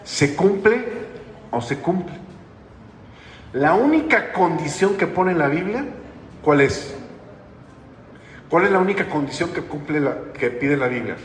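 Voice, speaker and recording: A man's voice: fairly high pitch, lively intonation, measured pace, long pauses. A man preaching a sermon as pastor, in a conversational way that keeps asking the congregation questions. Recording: echoey hall with long reverb, faint noise.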